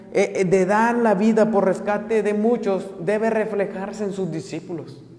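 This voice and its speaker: A man teaching a Bible study sermon. He speaks earnestly, slows down to stress key words, and often hesitates with fillers and repeated words. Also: high voice, warm tone. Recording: echoey room with long reverb.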